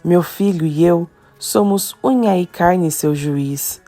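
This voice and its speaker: A woman's voice: lowish voice, slow pace, mellow, soft background music. A woman voicing a scheming middle-aged father, wheedling and easily flustered.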